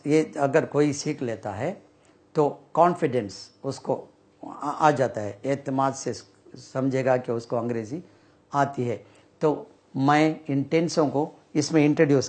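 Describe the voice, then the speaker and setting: Slow man teaching grammar. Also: medium pitch. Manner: slow, repeats and spells out terms while writing. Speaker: English teacher. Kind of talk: whiteboard grammar lesson.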